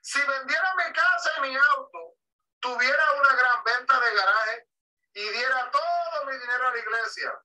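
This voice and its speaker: Performed by a man, this is a kindly pastor from a sermon story, asking a group of children one earnest question after another. The voice sits very high and sounds very bright, and it is heard from some distance off the mic. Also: moderate pace, heavily acted. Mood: quizzing. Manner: earnest questioning, repeated in two languages.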